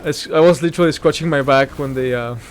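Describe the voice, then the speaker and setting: A man's voice: on the high side, fast talker. A man giving casual, rambling game commentary while he plays, easily sidetracked by the action. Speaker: gaming video host. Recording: clear background game noise.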